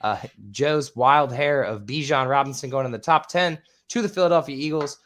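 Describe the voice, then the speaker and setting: A man hosting a casual podcast, rattling off a list with filler ums and casual swearing, his voice a bit squeaky. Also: normal speed, a bit bright. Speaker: podcast host.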